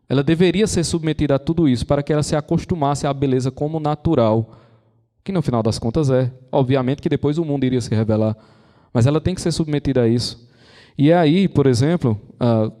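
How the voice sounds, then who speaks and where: Brazilian man, lecturer, storytelling manner, slightly high voice, long hall reverb. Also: warm tone. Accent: Brazilian Portuguese. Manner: conversational storyteller, acts out quotes. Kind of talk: lecture on intellectual and moral formation.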